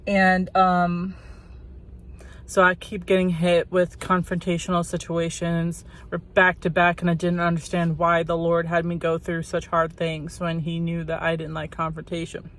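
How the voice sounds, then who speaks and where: Female vlogger, earnest testimony, congested sore-throat sound slightly muffled by a lozenge, flat intonation. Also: fairly low pitch, measured pace. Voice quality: slightly muffled by a cough drop in the mouth. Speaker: channel host.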